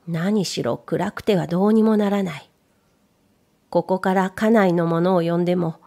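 A woman reading a period story aloud in a calm, measured way, dropping to a hush at tense moments. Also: medium pitch. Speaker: narrator. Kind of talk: scripted narration of a period story.

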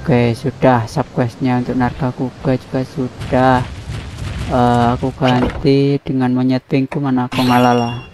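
A man giving casual let's-play commentary on a video game, excitable and repeating words in quick bursts. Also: mid-range voice, background noise. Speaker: gameplay commentator. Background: game music.

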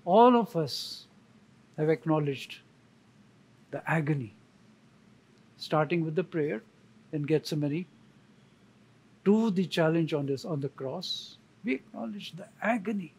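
A man, a church elder, preaching a sermon slowly and emphatically, pausing for effect and repeating key words. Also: fairly high pitch, animated, a little mellow, slightly rough, poor audio. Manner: slow, emphatic, with dramatic pauses and repetition.

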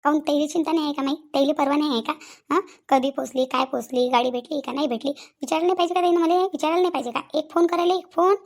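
A woman voicing a sulky, stubborn young wife. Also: very high-pitched. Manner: complaining, repeats herself. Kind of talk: cartoon voice acting.

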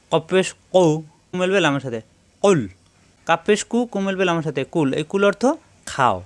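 A man teaching recitation step by step, spelling out letters slowly and then chanting the verses in long, drawn-out tones. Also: high voice.

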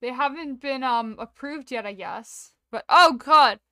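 A woman game streamer with a fairly high, very smooth voice, close and dry on a compressed mic. She chats casually and playfully to viewers, breaking into exclamations and cutting herself off. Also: measured pace, pushed and bright, no room sound. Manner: playful, self-interrupting, exclamatory. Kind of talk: casual livestream chat while gaming. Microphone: close streaming microphone with software compressor.

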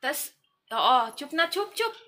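Chatty Filipina woman, bright voice. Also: high-pitched, very animated, slow. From Philippines. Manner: chatty, rambling with many fillers and restarts. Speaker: vlogger. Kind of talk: casual gossip chat to viewers. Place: family home.

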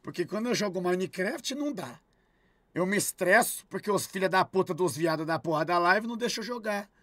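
A man's voice: sits high, expressive, brisk, fairly bright tone, no room sound. A man streaming live, ranting at his chat with irritated sarcasm and heavy swearing.

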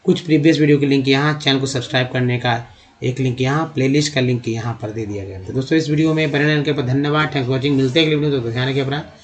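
A man's voice: medium pitch, fairly even intonation. Man spelling out words in a lesson. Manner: explains slowly, spells words letter by letter; asks and answers his own questions. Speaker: English teacher. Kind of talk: spoken English lesson.

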